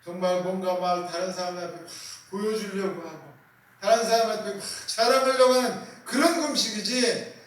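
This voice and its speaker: A male pastor in a small church preaching a sermon, asking rhetorical questions and emphatically repeating key words. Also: high voice. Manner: rhetorical questions with call-and-response. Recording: very echoey room, voice from a distance.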